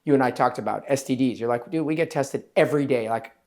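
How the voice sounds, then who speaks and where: A man hosting an interview as a plastic surgeon, talking directly and lively, acting out quotes of others in his speech. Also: mid-range voice, quick pace. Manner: direct, animated, acts out quotes in his talk. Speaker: plastic surgeon, podcast host. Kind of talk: conversational interview.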